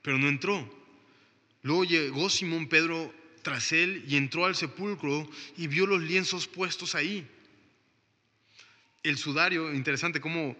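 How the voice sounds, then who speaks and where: Bright-voiced man teaching the Bible. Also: on the high side, big-room sound. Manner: conversational, acts out the people in the story. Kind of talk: casual Bible study talk.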